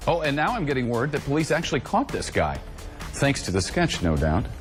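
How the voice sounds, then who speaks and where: A man's voice: mid-range voice, sing-song, faint music behind. Man anchoring the news, stifling giggles. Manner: halting, hesitant delivery. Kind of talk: live news presenting, ad-libbed.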